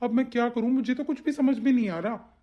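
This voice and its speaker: A woman voicing a young husband in an animated family drama who calms his wife and stands firm with his family. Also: on the high side, fast, lo-fi sound, close to an everyday voice. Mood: worried. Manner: reassuring, firm.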